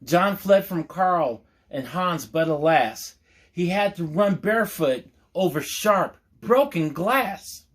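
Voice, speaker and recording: The picture book is read aloud by a man whose voice sits fairly high. His pace is unhurried and slow, his delivery expressive, and he keeps a playful tone, speaking the rhymes with feeling and slipping in folksy remarks to the audience.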